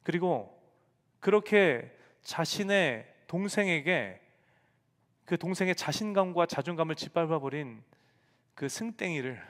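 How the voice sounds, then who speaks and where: A man's voice: on the high side, expressive, measured pace, a bit bright. A male pastor in his forties preaching a sermon to young adults, telling a family story and acting out the lines he quotes. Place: church sanctuary. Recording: reverberant church hall.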